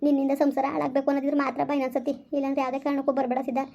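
A woman playing a frightened married village woman in a family skit, pleading desperately and talking fast. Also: sits high, little pitch movement, creaky, warm tone, dull audio.

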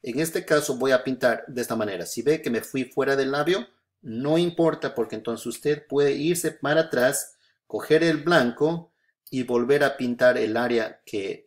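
A man hosting a software tutorial, patient and repetitive, filling pauses with "eh" and often checking "¿no es cierto?". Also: medium pitch. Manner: patient, repeats steps, frequent filler "eh" and "¿no es cierto?". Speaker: photography tutorial host. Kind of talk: screen-recorded software tutorial.

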